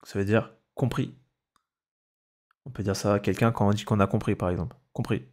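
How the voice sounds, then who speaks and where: A man's voice: lowish voice, steady tone, normal speed, darkish tone. A male Arabic teacher giving a dictation lesson, patiently repeating each word and breaking it into syllables. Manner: patient, instructive.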